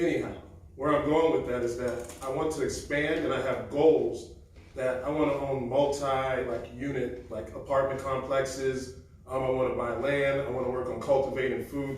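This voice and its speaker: A man giving a relaxed, confident self-introduction at an event, with frequent ums. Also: medium pitch, a little hiss or hum. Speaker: event speaker. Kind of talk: casual self-introduction talk. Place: event room. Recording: echoey room from a distance.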